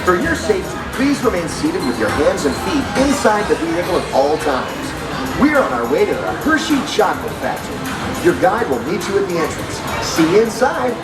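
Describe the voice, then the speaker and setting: A polite ride announcer's recorded voice booming from loudspeakers across an indoor attraction, with a lively rise and fall in its pitch. The sound is distant and echoey, caught from well away from the speakers, and loud music plays underneath. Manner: polite, measured safety instructions. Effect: announcement played over ride loudspeakers.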